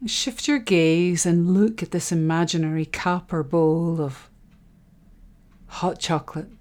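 A woman guiding a relaxation and breathing exercise in a soft, soothing, unhurried way, with phrases that trail into breathiness. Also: fairly low pitch. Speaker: guided breathing meditation instructor. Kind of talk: guided relaxation meditation.

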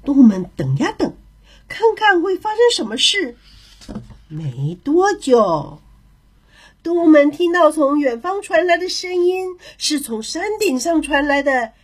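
A woman narrating a children's story aloud in a gentle, expressive manner. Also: high-pitched, unhurried.

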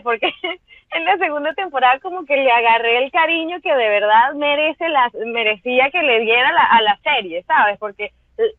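A voice actress chatting casually in an interview, rambling with many fillers and restarts over a video call. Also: female voice, sits high, no echo. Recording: tinny phone-like line, dry.

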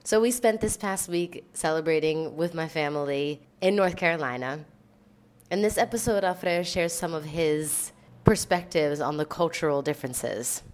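Speaking in an unhurried, slightly mellow, low voice, a Maryland woman hosts a podcast. Her relaxed conversation is mostly Spanish with English words dropped in.

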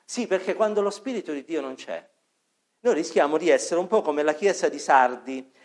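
A man preaching an evening sermon with fervent emphasis, rising on key words, dropping to quiet prayer, and sometimes correcting himself mid-sentence. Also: a little high, expressive, normal speed. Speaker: pastor.

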